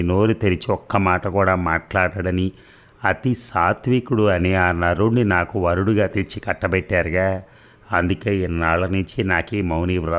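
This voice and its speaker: A man voicing a weary young wife in a comic story, speaking in a hushed, complaining way. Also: low voice, natural voice.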